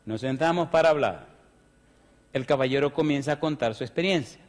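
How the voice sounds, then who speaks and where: A man's voice: mid-range voice, brisk. A man preaching a sermon, telling a story and then pleading fervently for people to come forward. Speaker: pastor. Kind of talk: sermon with altar call. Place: church. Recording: long church hall reverb.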